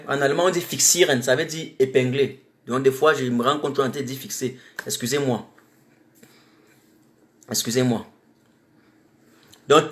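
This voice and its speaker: A woman from Cameroon, giving impassioned, defiant political commentary on a livestream and repeating phrases for emphasis. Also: fairly low pitch. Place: home in Germany. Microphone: webcam or phone mic on a livestream.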